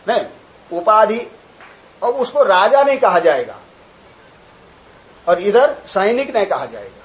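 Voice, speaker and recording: An older man, a swami, giving a spiritual discourse on scripture, chanting verses slowly, then explaining them with rhetorical questions and examples. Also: high-pitched, rough recording.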